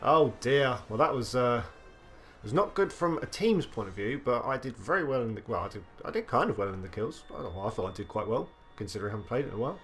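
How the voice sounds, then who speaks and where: A young man commentating on his own gameplay, excitable, talking to himself and swearing freely as he plays. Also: mid-range voice, quick pace. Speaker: gaming video host.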